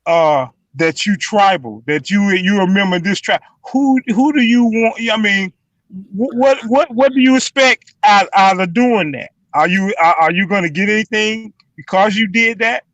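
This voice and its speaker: A man's voice: sits high, animated, moderate pace, a bit bright, no room sound. A man in a casual discussion who presses his point with repeated, pointed questions. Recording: dull lo-fi sound.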